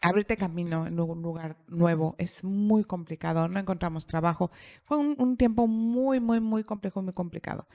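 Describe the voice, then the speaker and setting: A woman's voice: lowish voice, moderate pace, darkish tone, no echo. Middle-aged woman telling her story. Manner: repeats phrases for emphasis; acts out quoted dialogue. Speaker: podcast speaker. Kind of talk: personal storytelling in casual chat.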